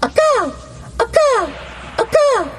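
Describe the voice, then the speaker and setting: A very high, squeaky female android attendant speaks in a crisp, foreign-accented voice, as a male storyteller puts her on. She stretches her words out slowly, like a polite machine on a spaceship in a storybook. A faint hum sits behind her. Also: sing-song, exaggerated voice. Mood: fierce. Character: sultry female Latin android flight attendant.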